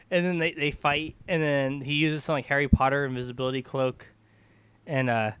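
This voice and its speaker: A man's voice: mid-range voice, steady tone, moderate pace, fairly bright tone, clear, resonant tone, no echo. A tipsy man giving a casual, joking movie recap among friends, rambling, giggly and slangy, often losing his thread and backtracking. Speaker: amateur film reviewer, main storyteller.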